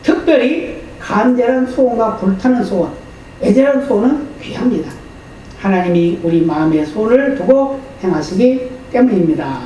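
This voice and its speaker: A man's voice: high voice, expressive, moderate pace, mellow. Pastor guy preaching, chatty, keeps asking the folks questions, sounds far off in a big echoey church. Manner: conversational, asks the congregation questions. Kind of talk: sermon. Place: church sanctuary. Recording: echoey hall, distant mic, faint noise.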